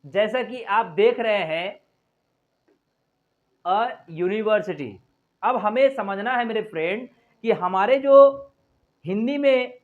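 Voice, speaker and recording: Earnest Hindi-speaking male teacher, lo-fi. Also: high voice. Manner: earnest, repetitive, addresses viewers as "my friend"; spells out words letter by letter while writing on the board. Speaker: English teacher. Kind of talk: Hindi-language grammar lesson at a board. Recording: dull lo-fi recording.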